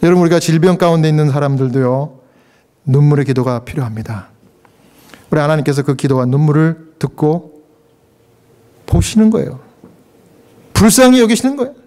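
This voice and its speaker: A man's voice: lively intonation, brisk, long pauses, mellow. A male pastor preaching a sermon, talking to the congregation in a conversational, emotional way and often putting questions to them. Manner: emotional preaching with sudden pitch leaps and acted quotes.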